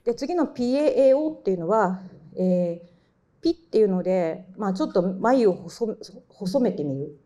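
A middle-aged woman giving a mock university lecture to high school students, explaining step by step with many fillers and self-corrections. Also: expressive, normal speed, dark tone. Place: lecture hall. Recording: dull lo-fi lecture recording.

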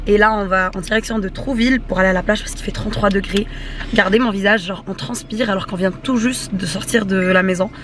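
Speaking fast at medium pitch with fairly even intonation, a young woman in her twenties vlogs casually to a camera held at arm's length. She's chatty and upbeat, with background noise around her as she moves from a busy restaurant to a car.

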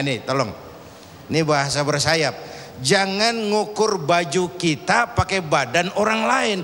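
High-voiced preacher in a reverberant hall. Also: male voice, sharp tone. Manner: storytelling, acting out voices in a parable. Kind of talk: sermon to a congregation. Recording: reverberant hall, faint ambient noise.

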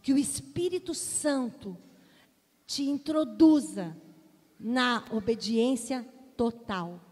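A Brazilian woman in her forties preaches to her congregation, weaving a personal story into the sermon. She speaks in a fairly high voice and turns often to address the listeners directly. Her voice rings out in a church hall with a long reverb. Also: lively intonation, slow pace, darkish tone. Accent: Brazilian Portuguese. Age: 40s. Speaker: pastor.

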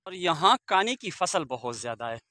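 Very animated and on the high side, this man's pushed, bright voice runs at normal speed in a dry recording. In his forties, he vlogs his village on foot through open riverbed countryside, phone camera in hand, offering formal, devout walking-tour commentary with Arabic blessings.

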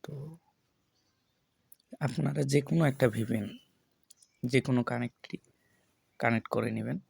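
A man hosting a screen-recorded tech tutorial, walking viewers through each step slowly with many fillers. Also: medium pitch, vocal fry, dark tone, breathy edge, dry recording. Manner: slow step-by-step instructions with fillers. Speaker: tutorial host.

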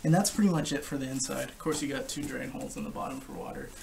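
Gravelly young man, recorded from a distance. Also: medium pitch, darkish tone. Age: young adult. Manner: informal, explanatory, halting. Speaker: gas mask collector and reviewer. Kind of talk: casual product review to camera. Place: living room couch, indoors. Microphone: camera a short distance away. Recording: distant camera mic with background noise.

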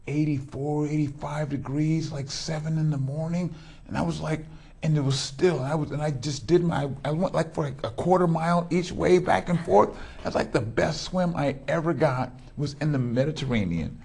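A middle-aged pastor and talk show host from Los Angeles, California rambles through a TV studio interview, backdrop behind him, repeating many words. He speaks at a moderate pace in a slightly high voice that is creaky, slightly rough, and darkish.

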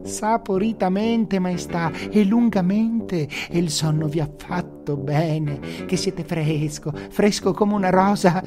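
A man voicing a crafty, flattering army commander who answers in a high, soothing sing-song, with music behind. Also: slow, hardly any pauses. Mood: coaxing. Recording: music bed under narration.

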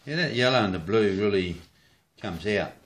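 Swearing low-voiced Australian man. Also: expressive, moderate pace, fairly bright tone. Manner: rambling, swears freely, playful. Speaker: hobbyist rod builder. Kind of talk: casual how-to video. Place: home kitchen.

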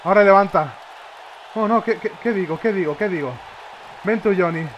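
A man with a Spain Spanish accent giving excitable live commentary over a wrestling video game, reacting with shouts. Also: high voice, normal speed, dull audio. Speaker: gamer. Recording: loud game crowd and noise behind. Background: wrestling game crowd noise.

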